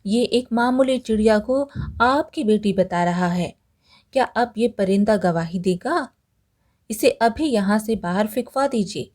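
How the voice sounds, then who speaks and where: A woman's voice: medium pitch, a little slow, a little mellow, close to an everyday voice. A woman voicing a scheming young woman who has taken her sister's place as a bride, sly and pleading by turns. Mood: mocking.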